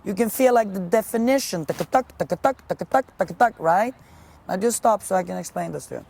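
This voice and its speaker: A woman coaching a riding lesson live, giving brisk, projected commands in short, repeated phrases. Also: mid-range voice, creaky, mellow.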